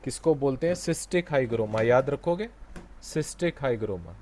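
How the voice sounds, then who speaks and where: A man's voice: mid-range voice, lively intonation, normal speed, a little mellow, slight background noise. A man teaching an online exam-prep class with an Indian English accent, mixing Hindi and English and quizzing his students. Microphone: video call.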